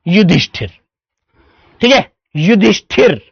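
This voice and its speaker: Hindi teacher, slow and fatherly. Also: high-pitched, sing-song, gravelly, breathy edge, no room sound, dull audio. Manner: dictating words slowly, calling students "beta". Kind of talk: online class lecture.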